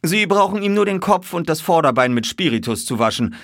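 An unflappable detective answers with steady, quiet composure, as a man puts him on. The voice is lifted above the reader's own and lively in pitch, with a husky edge. It is recorded dry and close. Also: fairly quick, no echo. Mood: calm, revealing. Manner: calm, unshakably composed. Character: calm, unflappable male detective.

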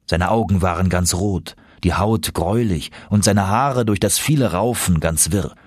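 A man reading first-person audiobook narration in a steady, measured storytelling manner. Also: low-pitched, husky, no echo, clean studio sound.

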